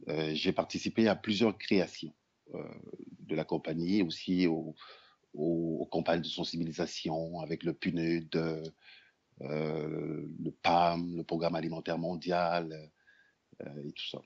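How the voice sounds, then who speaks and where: A man's voice: rumbling low, little pitch movement, a little slow, vocal fry, a little mellow, slightly rough, dull audio. A man from the Republic of the Congo, an actor, puppeteer and storyteller, answering interview questions hesitantly with many fillers and restarts.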